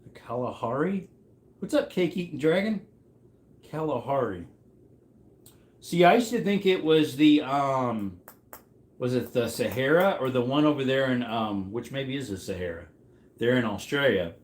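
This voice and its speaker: Man, mid-30s, casual stream host, mid-pitched, rambling chatter, echoey room. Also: expressive, normal speed, pauses often. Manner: rambling, reacts to chat as he goes. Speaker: livestream host running trivia. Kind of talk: casual livestream chat.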